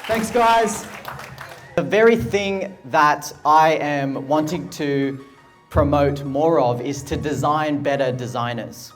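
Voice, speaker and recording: An Australian design speaker with an Australian accent chats casually in a vlog while giving a motivational talk, friendly and upbeat, chuckling often. His voice is slightly high and he speaks slowly, with soft music and a faint crowd in the background.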